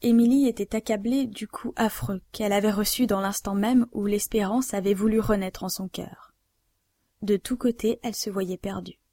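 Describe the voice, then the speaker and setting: A woman narrating a novel aloud in a measured, even way. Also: mid-range voice, dry recording. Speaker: audiobook narrator.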